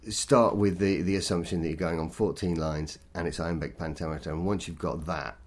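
A man, a poet, talking thoughtfully and self-deprecatingly in an interview, in a halting way. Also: sits low, steady tone. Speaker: poet guest. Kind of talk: interview conversation.

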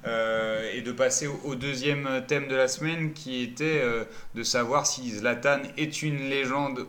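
A man's voice: mid-range voice, steady tone, measured pace, a bit bright. A man hosting a casual football debate show, moderating and steering the talk between topics. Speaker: show host.

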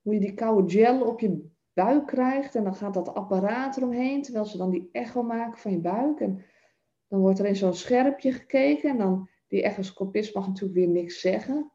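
A woman's voice: medium pitch, normal speed, dark tone, dull audio. A woman giving a self-help masterclass, talking straight to the listener through everyday examples. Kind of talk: spoken self-help lesson.

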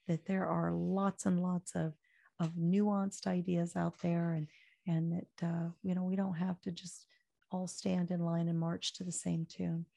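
This older woman's political talk radio show carries a hoarse voice and fiery, preachy conviction, then closes with a chatty sign-off. Her pitch is fairly low and her tone mellow.

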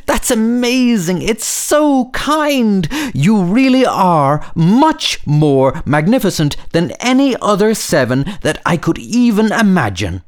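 A man voicing a grateful little male star in a bedtime story, with a high squeaky put-on voice. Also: very animated, slow pace, hardly any pauses, full character voice.

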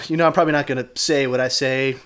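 Crude, joking male podcast guest, medium pitch. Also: steady tone, fast talker, fairly bright tone. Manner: crude, joking, self-deprecating. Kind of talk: casual chat.

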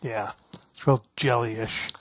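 A man's voice: medium pitch, fairly even intonation, slow. A man co-hosting a casual podcast, grumbling and dry-humored, swearing now and then. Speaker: podcast co-host. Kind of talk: casual chat.

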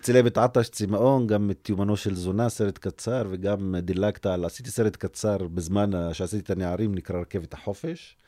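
Animated man telling a story. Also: fairly low pitch, few pauses. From Umm al-Fahm, Israel. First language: Arabic. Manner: animated storyteller who acts out quoted speech. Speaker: guest film director. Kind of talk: storytelling in a podcast interview.

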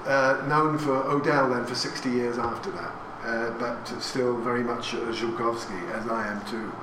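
In a hall, a sixty-something Englishman gives a talk on family history, telling a story in a chatty, anecdotal style with asides and questions to listeners. His medium-pitched voice is fairly even at a moderate pace. The echoey sound is captured from afar, with audience noise.

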